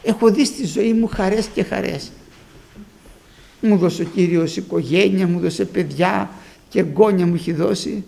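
Fervent older male preacher, gravelly voice. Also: high voice, warm tone. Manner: fervent, repeats phrases, often calls out to the congregation as brothers. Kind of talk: Pentecostal sermon with personal testimony.

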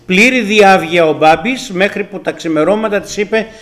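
An older man from Greece telling his personal testimony to a congregation, earnest and emphatic, his loudness rising and falling. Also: high voice. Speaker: church member giving testimony.

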